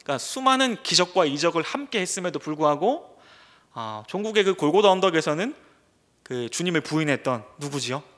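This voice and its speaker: A man's voice: fairly high pitch, very animated, a little fast, fairly bright tone. A man preaching a midweek sermon as pastor, often acting out the pleading words of Bible figures with hesitant fillers between thoughts. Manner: acts out Bible figures' pleas in quoted speech. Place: church.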